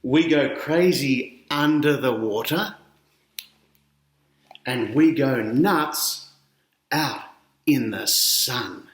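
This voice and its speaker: Extremely slow and pausing often, a middle-aged Australian man with a medium-pitched voice reads a picture book aloud to children. He speaks straight to them, asking questions and offering explanations. The sound is echoey and roomy, as in a large indoor space.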